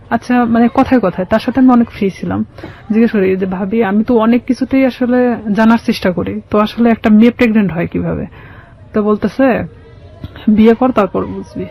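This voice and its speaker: A woman with a Bangladeshi accent tells her own life story as an interview guest, speaking at a medium pitch and moderate pace. She's colloquial and quotes conversations as she recounts them. The audio has its highs cut off.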